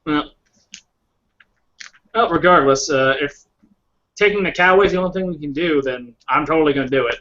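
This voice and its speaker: A man's voice: a little high, fairly quick, pauses often, fairly bright tone. A man playing a tabletop game, musing and drawling in character. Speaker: player. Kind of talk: casual tabletop game play. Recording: dull lo-fi recording.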